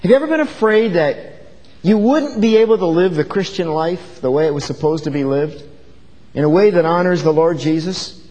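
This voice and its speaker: A man's voice: a little high, moderate pace, darkish tone, in a large hall, poor audio. A man preaching an earnest, conversational sermon, full of rhetorical questions. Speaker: pastor.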